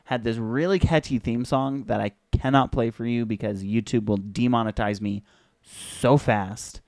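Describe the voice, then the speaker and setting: A man's voice: mid-range voice, fairly even intonation, moderate pace, a little mellow, no echo. Young male commentary host, sarcastic and chatty, dry close recording. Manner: sarcastic, joking, chatty with many fillers. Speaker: video host. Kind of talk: casual commentary on an old commercial.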